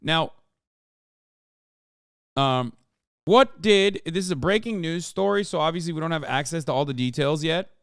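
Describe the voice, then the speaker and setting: A man whose first language is Turkish hosts a casual live-stream news commentary full of profane, sarcastic rants. His voice is on the high side, smooth and fairly bright. The recording is studio quality with no echo.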